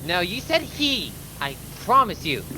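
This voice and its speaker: Animated gamer chatting over clear background noise. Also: mid-range voice, measured pace, poor audio. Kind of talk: casual banter while playing a video game.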